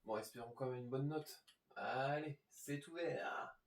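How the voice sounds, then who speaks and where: A man's voice: mid-range voice, a little slow. A man giving casual, informal game commentary, talking directly to his viewers as host. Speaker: gaming video host. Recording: roomy echo.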